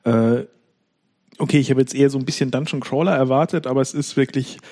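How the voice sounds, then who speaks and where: A man's voice: medium pitch, steady tone, fast, a little mellow. A man co-hosting a casual podcast, rambling and restarting sentences in a nostalgic, chatty way. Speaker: podcast co-host. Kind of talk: casual chat.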